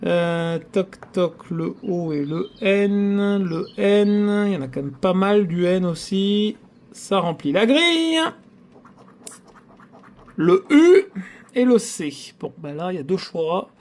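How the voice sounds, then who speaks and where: A man's voice: high voice, lively intonation, measured pace, a little mellow. A man hosting his own channel, chatting casually to viewers as he scratches lottery tickets and groans theatrically at every loss. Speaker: channel host.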